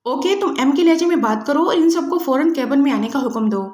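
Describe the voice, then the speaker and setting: A woman voicing a calm male agent who gives crisp orders over a transmitter. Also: high voice, echoey room. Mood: calm command.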